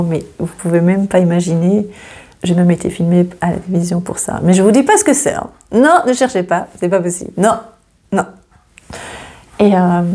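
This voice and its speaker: A woman talks through an astrology reading in a low, husky, gravelly voice with a dark, mellow tone. Her delivery is fairly flat and hesitant, full of fillers and repeated words. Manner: hesitant, many fillers and repeats, gently reassuring. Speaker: astrology channel host. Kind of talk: casual astrology reading to camera.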